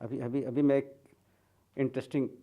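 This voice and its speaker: A man's voice: mid-range voice, level tone, normal speed, narrow, tinny audio. A man hosting a podcast interview, chatting casually and mixing Hindi and English. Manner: conversational, mixes Hindi and English. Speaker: podcast host.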